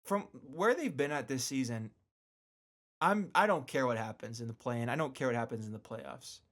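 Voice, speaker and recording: A man's mid-range voice, fairly bright and at normal speed, carries a casual solo radio show. He chats informally, adds slangy asides, and repeats words to emphasize them.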